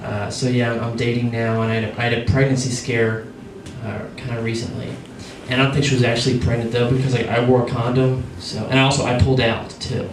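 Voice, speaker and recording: A man's voice: mid-range voice, little pitch movement, fast, few pauses. A man doing a stand-up set in a small lounge, rambling and hesitant and talking straight to the audience. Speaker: stand-up comic. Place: small lounge comedy club. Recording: echoey club, taped from far off with hiss.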